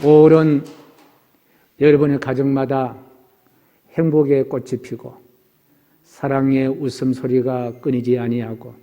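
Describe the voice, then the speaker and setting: Male pastor, middle-aged, earnest sermon delivery, mellow tone, long church reverb. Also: mid-range voice. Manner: earnest preaching, opens with recited verse. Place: church sanctuary.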